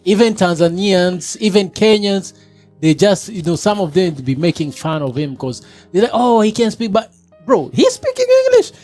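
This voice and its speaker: A man co-hosting a podcast, reacting casually in an animated way, laughing along and arguing back. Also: high voice, moderate pace, soft background music. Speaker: podcast co-host.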